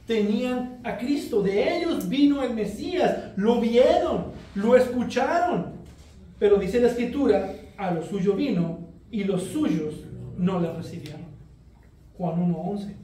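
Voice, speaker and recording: High-voiced preacher in an echoey hall. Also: male voice, animated, dark tone, distant mic. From Mexico. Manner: expository preaching, measured and earnest. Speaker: pastor. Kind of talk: sermon.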